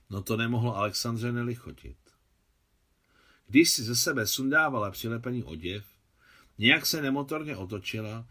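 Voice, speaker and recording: A man narrating a novel aloud as an audiobook, in a measured literary reading. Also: mid-range voice, fairly bright tone. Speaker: translator reading his translation.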